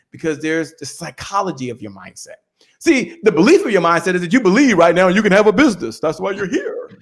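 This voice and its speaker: A man giving an energetic motivational talk as a guest on a video call, leading the listeners in chanted call-and-response. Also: sits high, gravelly, husky. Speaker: guest speaker. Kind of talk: motivational speaking.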